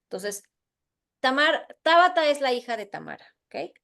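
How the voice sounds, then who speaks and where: A woman's voice: sits high, moderate pace, gravelly. A middle-aged woman, an instructor telling an anecdote to her class, acting out the dialogue as she goes. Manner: animated, acts out the dialogue. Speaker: course instructor. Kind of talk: lively storytelling in a class.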